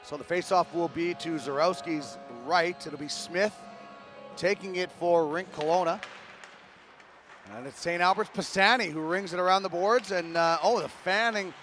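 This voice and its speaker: A man calling live hockey play-by-play, brisk and rising with the action. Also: sits high, fairly bright tone, faint music behind. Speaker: play-by-play commentator.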